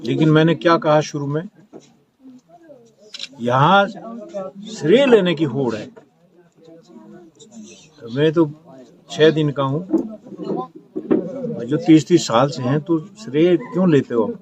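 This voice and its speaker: A man's voice: fairly high pitch, slow, pauses often. Middle-aged man giving an earnest outdoor speech. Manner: earnest, repetitive, self-assured oratory. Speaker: politician addressing villagers. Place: village courtyard in rain. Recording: dull lo-fi outdoor recording with crowd.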